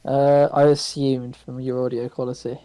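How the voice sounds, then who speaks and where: A man co-hosting a casual podcast chat over a voice call, talking quickly and chattily. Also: mid-range voice, little pitch movement, dark tone, no echo, soft background music, poor audio. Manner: quick, chatty, laughs easily. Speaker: podcast co-host. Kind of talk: casual chat about a board game.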